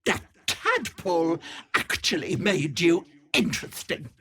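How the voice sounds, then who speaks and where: A woman's voice: fairly low pitch, sing-song, measured pace, a bit bright, slight background noise, exaggerated voice. An actress playing a wicked old hag who poses as a sweet auntie in a video game, switching between sugary and sly, menacing talk. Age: older. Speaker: game character.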